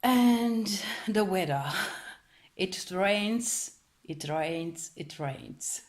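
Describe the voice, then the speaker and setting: A woman gives a personal account in slow, careful English. She pauses often and searches for the right words. Her voice sits in a middle pitch. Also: animated, darkish tone. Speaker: interviewee. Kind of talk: personal testimony to camera.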